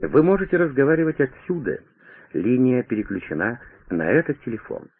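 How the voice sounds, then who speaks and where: A man's voice: medium pitch, sing-song, a little fast, husky, pitched above the performer's own voice. A man voicing a flustered female secretary who stammers out her words breathlessly, over a tinny radio broadcast.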